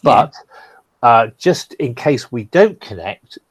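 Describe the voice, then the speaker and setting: A man's voice: medium pitch, big pitch swings, takes it slowly, slightly rough, no echo. A man, talking bluntly and directly as a podcast guest. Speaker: guest, LinkedIn lead generation expert. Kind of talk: casual podcast conversation.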